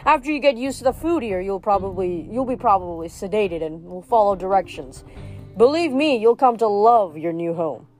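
A woman's voice: mid-range voice, lively intonation, normal speed, faint music behind, natural voice, low-quality recording. A woman voicing a grotesque male sea god who taunts his captives in a mocking, showman-like way. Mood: gloating. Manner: mocking, sing-song showman.

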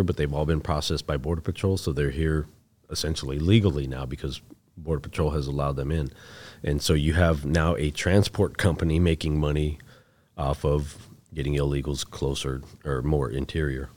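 Very deep-voiced plainspoken man. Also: fairly even intonation, normal speed, a little mellow. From United States. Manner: plainspoken, calls the host bro. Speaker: chief deputy sheriff. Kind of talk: casual podcast interview.

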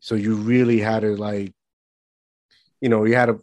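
A man interviewing a singer, asking halting questions with many restarts and affirming his answers. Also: fairly low pitch, level tone, a little mellow, dry recording. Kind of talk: casual interview chat.

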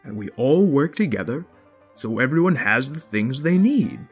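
Man doing a folksy, husky dinosaur dad. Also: mid-range voice, big pitch swings, normal speed, soft background music. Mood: explaining. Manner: folksy, firm, encouraging. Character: gruff but kindly, hardworking dinosaur father.

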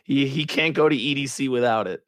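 A man hosting a racing podcast, chatting casually and excitedly with lots of fillers and restarts. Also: mid-range voice, a little fast, no echo, studio quality. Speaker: podcast host. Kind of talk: casual chat.

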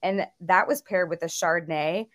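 A woman's voice: fairly low pitch, normal speed, fairly bright tone. A woman co-hosting a casual food podcast, upbeat and chatty with lots of "like" fillers. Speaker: podcast co-host.

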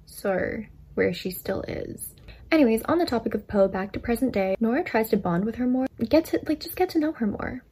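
A woman's voice: a little high, animated, normal speed, warm tone, breathy edge. A young woman in her twenties casually retelling a book's story, chatty with lots of filler words, into a desk microphone. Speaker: storytime vlogger.

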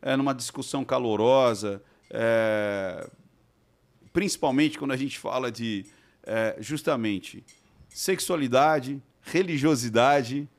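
A man's voice: mid-range voice, slow. A man, a podcast guest and expert who explains things didactically and keeps checking that he is understood. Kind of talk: explanatory conversation.

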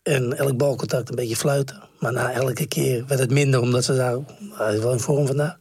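Man, 40s, former pro footballer guest; husky, cracking voice, close dry sound, rambling anecdotes. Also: medium pitch, steady tone, normal speed, darkish tone, dry recording. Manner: rambling storyteller, many fillers and restarts. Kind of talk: casual interview chat.

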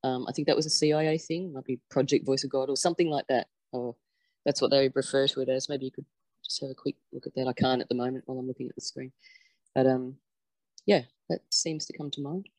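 A man's voice: medium pitch, fairly even intonation, fast talker, darkish tone, no room sound. A man from Australasia co-hosting a podcast, musing aloud in a hesitant way with many ums. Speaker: podcast co-host. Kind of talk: casual chat.

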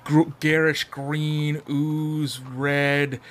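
A man's voice: a little high, little pitch movement, extremely slow, a little hiss or hum. A man narrating a tabletop fantasy game as game master in a casual, improvised way.

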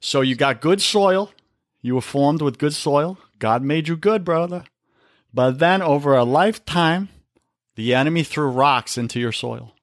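A man's voice: on the high side, measured pace, dry recording, studio quality. A man talking on a faith podcast, preaching with emphasis and often calling the listener brother. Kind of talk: faith-based podcast talk.

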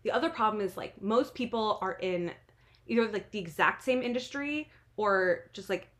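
A woman in her late twenties from New Jersey with an American accent, chatting casually as a podcast guest in an animated, wry, self-deprecating way. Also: mid-range voice, normal speed. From New Jersey, United States. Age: late 20s. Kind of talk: casual interview chat.

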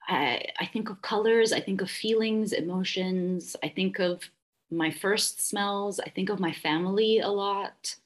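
Speaking at a measured pace in a mid-range voice, this woman in her thirties, a Dubai-raised perfumer, reflects warmly and at length during a relaxed interview. Fillers crop up constantly as she hunts for the right words.

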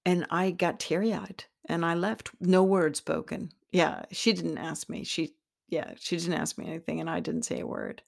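A middle-aged woman telling a personal spiritual story in a reflective, halting way, with restarts. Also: lowish voice, expressive, vocal fry. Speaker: podcast host.

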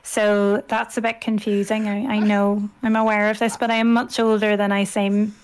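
Speaking with a Northern Irish accent, a woman in her thirties who writes and podcasts talks casually as an interview guest, sounding hesitant and self-deprecating. Her youthful, girlish voice sits mid-range, clear and resonant, with little pitch movement at a moderate pace.

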